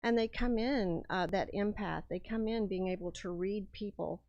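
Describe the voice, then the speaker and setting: A woman's voice: medium pitch, moderate pace, a little mellow, no echo, dull audio. A woman guest on a radio talk show, speaking earnestly and rambling, with many restarts. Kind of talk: casual interview chat.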